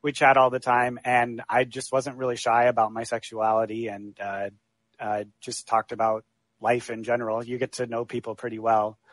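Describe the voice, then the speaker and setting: A man's voice: medium pitch, monotone, normal speed, no echo. A man from Iowa calling in to a podcast, talking casually with fillers. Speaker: caller. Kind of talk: phone-in conversation.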